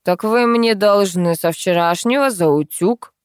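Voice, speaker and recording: A woman playing a drunk village man, slow slurred drawl, wheedling, dry. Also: medium pitch, clean tone, no room sound, close to an everyday voice.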